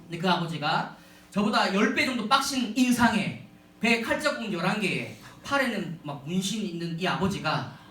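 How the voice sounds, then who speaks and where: Speaking to a youth retreat, a high-voiced man tells humorous stories as part of a sermon, keeping a moderate pace. He's lively and frequently addresses the crowd, and the large, echoey hall makes him sound distant.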